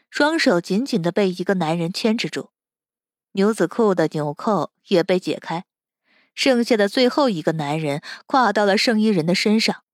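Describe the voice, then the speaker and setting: A woman narrating a web novel audiobook in an expressive, dramatic reading. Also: mid-range voice, no room sound, clean studio sound.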